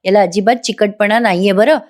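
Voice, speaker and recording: A woman's voice: medium pitch, steady tone, fairly quick, close to an everyday voice. A woman voicing a caring young wife who coaxes her husband in a retold serial scene. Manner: concerned, coaxing.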